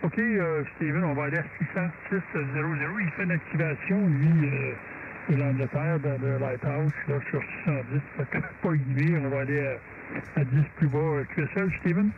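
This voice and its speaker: Heard through a narrow-band radio signal full of loud static, like a CB or ham transmission, a man chats casually with another station as an amateur radio operator. He speaks with a Québécois accent as a native French speaker from Quebec, Canada, in a fairly high voice at a moderate pace.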